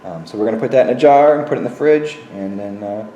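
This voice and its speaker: Speaking fast in a fairly low, warm voice, a young teen librarian casually demonstrates a recipe step by step, full of fillers. The highs are cut off, with slight background noise, an echoey kitchen, a distant mic and dishes clattering.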